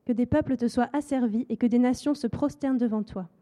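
A woman voicing a blind old patriarch who speaks in grave, measured pronouncements. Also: fairly high pitch, warm tone, lightly acted. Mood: solemn.

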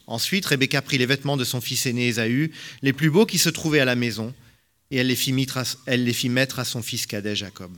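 A man narrating a Bible story in a steady, clear reading style. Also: mid-range voice, quick pace, few pauses.

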